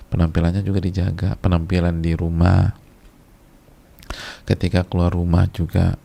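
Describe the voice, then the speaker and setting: A man delivers a casual sermon to a women's congregation in a low, dark-toned voice with a gravelly edge. He repeats his key phrases for emphasis and mixes in Arabic. His chatty colloquial asides keep the preaching conversational. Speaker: Islamic preacher.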